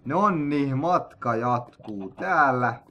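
Excitable young man, bright voice. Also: medium pitch, highs cut off. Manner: excitable, jokey, with sudden loud outbursts. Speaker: gaming video host. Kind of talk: let's play commentary.

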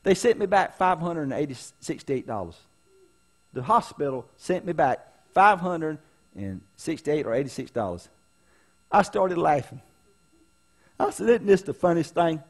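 A male pastor preaching to his church in a homespun, folksy way. His voice sits a little high for a man, and he keeps pressing the congregation with calls to listen. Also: very animated, a little slow, pauses often. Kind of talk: sermon.

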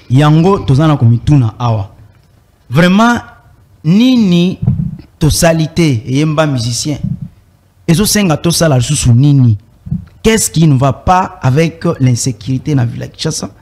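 A man's voice: on the high side, dark tone. A man complaining indignantly, stammering as he demands answers. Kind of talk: impassioned complaint.

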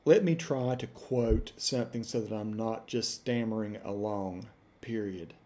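A middle-aged man with an Appalachian accent, talking casually and deliberately as he demonstrates software. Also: lowish voice. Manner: deliberate, spelling out punctuation while dictating. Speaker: software reviewer. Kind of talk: dictation test with casual commentary. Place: room at home, indoors.

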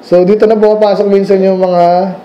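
High-voiced preacher, chatty. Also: male voice, level tone, moderate pace, lo-fi sound, a little hiss or hum. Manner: conversational, asks the congregation questions and laughs at his own stories. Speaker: pastor. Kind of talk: sermon. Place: church.

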